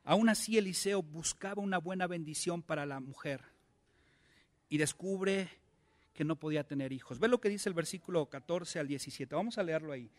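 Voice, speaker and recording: A man's voice: fairly high pitch, moderate pace. A male pastor, preaching a conversational sermon and asking his congregation many questions.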